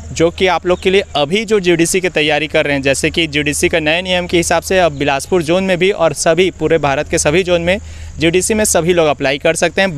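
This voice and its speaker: A man hosting an interview, addressing viewers as friends and asking guests about their exam preparation. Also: fairly high pitch. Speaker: interviewer and channel host. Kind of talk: casual interview and promotion.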